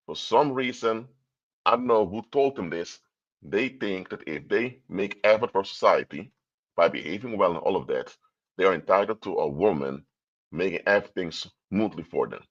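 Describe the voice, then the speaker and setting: Speaking in a low voice over a muffled recording, a Curaçaoan man, a native Papiamento speaker, delivers livestream commentary with a lecturing tone packed with rhetorical questions.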